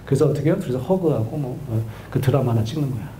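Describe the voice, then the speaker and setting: A middle-aged man, a counseling professor, giving a lively lecture to an audience and acting out the voices of a wife and husband. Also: medium pitch, very fast, crowd noise. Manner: animated, acts out quoted voices of a wife and husband.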